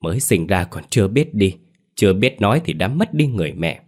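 A man reads an old grandmother in a told ghost story, furious and harsh as she scolds her son, on a deep, low voice with little change from the teller's own. The scolding lines come quick and cutting. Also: animated. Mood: angry scolding.

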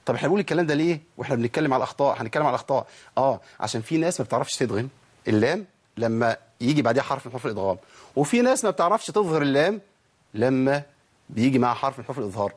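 A man's voice: mid-range voice, expressive, rapid-fire, husky. A man with an Egyptian Arabic accent giving a spoken lesson on Quran recitation rules, asking questions and then answering them himself.

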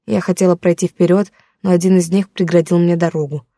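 A woman's voice: lowish voice, fairly even intonation, fairly quick, warm tone, no echo. A woman narrating a first-person audiobook in a tense, dramatic storytelling manner, close to the mic.

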